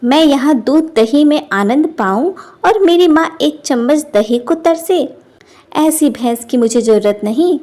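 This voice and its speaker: A woman's voice: high voice, animated, unhurried, dark tone. A woman voicing a stubborn, quarrelsome old village wife who scolds defiantly.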